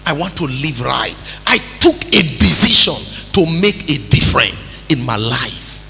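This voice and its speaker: A Nigerian man preaching a sermon as pastor, calling out to the congregation and building to shouts. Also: a little high, sing-song, unhurried, creaky. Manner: preaching with call-and-response, rising to shouts. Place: church hall. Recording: reverberant church hall with music.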